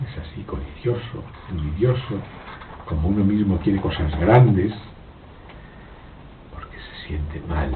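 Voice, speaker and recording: A man giving a slow, reflective philosophical talk, halting and repeating his words, with frequent rhetorical questions. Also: distant mic. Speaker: spiritual speaker giving a talk. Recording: old lo-fi tape, phone-like, noisy with rumble.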